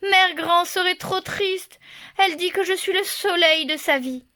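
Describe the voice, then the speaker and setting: A woman's voice: very high voice, unhurried, sharp tone, no room sound, pitched above the performer's own voice, full character voice. A woman doing a trembling little girl pleading. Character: frightened little girl in red.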